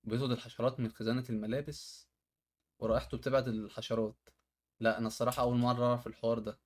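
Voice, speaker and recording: Fast-talking Egyptian man reacting to videos. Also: medium pitch, flat delivery, darkish tone. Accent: Egyptian Arabic. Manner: amused, exclaims at tricks. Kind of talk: casual reaction commentary.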